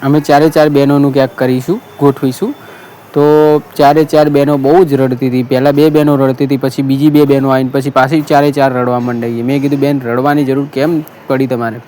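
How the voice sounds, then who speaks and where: A man's voice: mid-range voice, little pitch movement, quick pace, warm tone, a little hiss or hum. A man with a Gujarati accent, hosting a marriage bureau appeal, telling a story in an earnest, repetitive way and quoting the people who called him. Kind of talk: casual monologue appeal.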